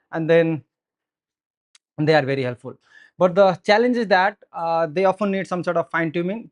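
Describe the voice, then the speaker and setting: Into a handheld microphone, a software engineer with a Nepali accent and a slightly high voice delivers a conference-style tech talk at an indoor meetup before an audience. He explains things earnestly, often filling pauses with "so" and "uh".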